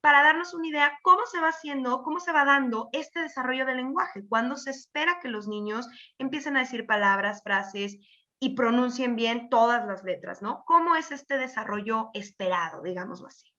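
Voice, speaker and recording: Woman host, bright and curious, slightly higher pitch, dull lo-fi recording. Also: normal speed. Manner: friendly, curious questioning. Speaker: podcast host. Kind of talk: interview questions. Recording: dull lo-fi sound.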